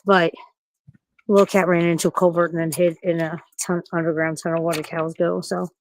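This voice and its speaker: A woman's voice: lowish voice, level tone, brisk, a little hiss or hum, poor audio. A woman chatting casually on a live stream, rambling, laughing often and swearing freely.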